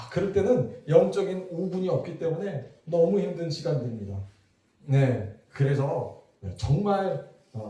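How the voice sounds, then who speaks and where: A middle-aged man preaching a revival sermon as pastor, lively and asking the congregation questions. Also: on the high side, very echoey, far from the mic. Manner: lively, talks to the crowd with questions. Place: church hall.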